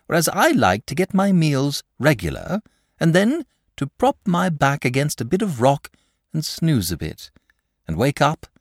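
A lazy, good-natured dragon rattles on in a high, fussy voice, as a man reads him aloud. The chatter is hasty and old-fashioned, leaping up and down in pitch. The sound is dry and close. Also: no echo.

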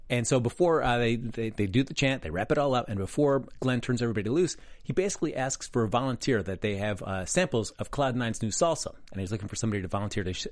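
A man's voice: lowish voice, no echo, studio quality. A man casually recapping a TV episode in a rambling way, full of uh's and restarts. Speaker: podcast host recapping a TV episode. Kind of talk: casual recap with filler words.

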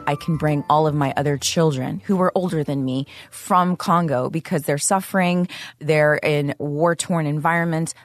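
A woman's voice: low voice, dry recording, clean studio sound. A woman from Zambia, an author and speaker, earnestly recounting her own life in an interview. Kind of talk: personal storytelling in an interview.

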